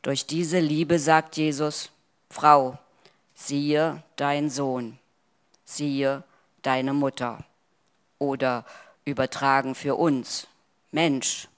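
A man preaching a sermon in a solemn, measured way with dramatic pauses. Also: mid-range voice, level tone, smooth.

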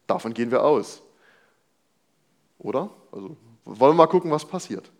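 Lively, casual man preaching a sermon. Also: mid-range voice, moderate pace. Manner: lively, conversational preaching with rhetorical questions and casual slang. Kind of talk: sermon reading and explaining a Bible passage.

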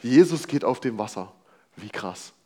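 Lively, casual man preaching a sermon. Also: medium pitch, measured pace. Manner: lively, conversational preaching with rhetorical questions and casual slang. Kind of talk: sermon reading and explaining a Bible passage.

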